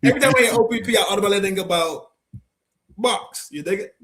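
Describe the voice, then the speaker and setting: A man co-hosting a casual podcast, excitable and slangy, sometimes drawing words out. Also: high voice, fast. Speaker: co-host.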